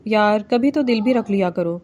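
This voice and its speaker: A woman's voice: mid-range voice, darkish tone, natural voice. A woman voicing a domineering young male village landlord in a novel reading, commanding and teasing.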